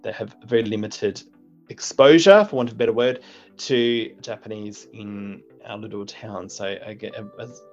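A middle-aged Australian man, a teacher and deputy principal whose first language is English, gives earnest, reflective interview answers and often restarts his sentences. His voice sits on the low side at a moderate pace. The audio is muffled and lo-fi, with faint music.

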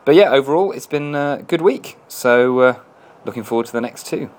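A man's voice: medium pitch, lively intonation, moderate pace, a little hiss or hum. A man, a stand-up comedian, giving a casual video diary update, chatty and upbeat, rambling with fillers, recorded outdoors in a festival courtyard.

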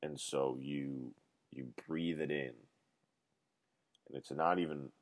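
A man's voice: very deep voice, steady tone, takes it slowly. A man in his twenties rambling through a solo casual monologue, ranting and swearing freely as he talks. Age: 20s.

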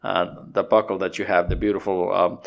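A man from Nepal, hosting a casual podcast interview in a halting way, with many fillers and restarts. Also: sits low, little pitch movement, creaky, lo-fi sound. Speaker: podcast host.

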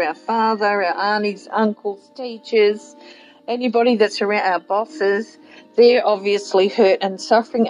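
A woman hosts a guided meditation over music. She gives instructions gently in a mid-range voice. Her phrases are unhurried, with pauses left between them. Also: medium pitch, poor audio. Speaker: podcast host and healing practitioner.

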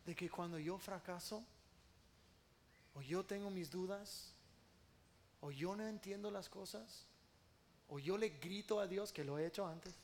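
A man preaching a sermon with passion, acting out quoted prayers in loud bursts. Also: high-pitched, unhurried, long pauses, slight background noise.

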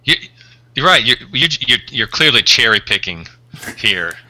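A man speaking as the pediatrician guest on a podcast interview, talkative with dry humor and halting restarts. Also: medium pitch, very animated, bright, forceful tone, no room sound, poor audio.

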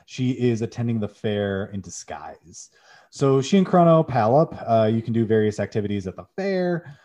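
A man's voice: mid-range voice, sing-song, normal speed, dark tone, dull audio. A young man co-hosting a podcast, chatting with enthusiasm as he retells a game's plot with frequent "um"s. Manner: enthusiastic, many "um"s, summarizes plot. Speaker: podcast co-host. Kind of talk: casual podcast chat.

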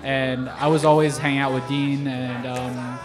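A man from Singapore, a DJ guest on a radio show, talking in an easygoing, relaxed way. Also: medium pitch, a little slow. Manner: easygoing, relaxed storytelling with fillers. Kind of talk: casual interview chat. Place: storefront of a music bar. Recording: live radio broadcast with music behind. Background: music playing.

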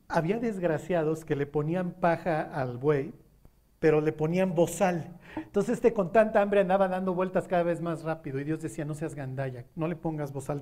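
Speaking in a high, slightly mellow voice, a Mexican-accented preacher keeps things conversational. He often pauses to ask the audience questions and check that they follow along.

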